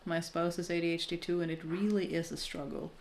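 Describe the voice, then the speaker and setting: This crafting streamer, a Norwegian woman in her thirties, speaks in a fairly low, flat voice a little on the fast side, with some hiss or hum in the audio. In casual live chat with her viewers she's frank, thoughtful and self-deprecating, and she keeps restarting sentences.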